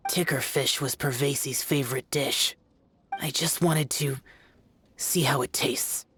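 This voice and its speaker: An actor playing an aloof, solitary demon-slaying guardian, curt and quiet. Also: male voice, mid-range voice, steady tone, measured pace, slight background noise. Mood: reserved. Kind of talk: video game voice acting.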